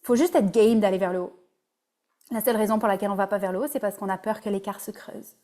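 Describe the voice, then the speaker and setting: In a fast, dark-toned voice of medium pitch and fairly even intonation, a woman with a Québécois French accent presents a webinar. She's a relationship coach keeping things casual and dropping in English terms.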